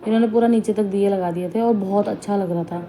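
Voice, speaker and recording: A woman's voice: medium pitch, steady tone, quick pace, dark tone. A young woman casually narrating a family vlog, chatty and homely in her storytelling. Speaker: family vlogger.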